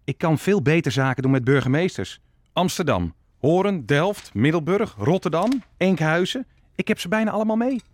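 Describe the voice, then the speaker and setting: An actor playing an ambitious, calculating prince in a historical radio play, persuasive and commanding. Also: male voice, a little high, animated, moderate pace, dry recording, lightly acted. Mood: eager scheming. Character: scheming Dutch prince, ambitious and calculating statesman. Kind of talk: audio drama acting.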